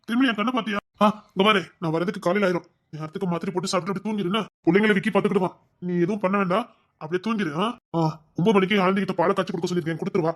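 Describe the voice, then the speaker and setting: A man's voice: high-pitched, fairly even intonation, natural voice. A man playing a pleading, remorseful husband. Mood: caring. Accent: Tirunelveli Tamil. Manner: pleading, repeating apologies, fast and soothing. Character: remorseful, anxious young husband, doting. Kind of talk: TV serial acting.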